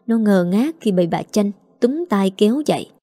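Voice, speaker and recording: A woman reading a village drama story aloud in a steady, expressive way. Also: medium pitch, normal speed, dry recording. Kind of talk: audiobook story narration. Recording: dry close mic with faint music.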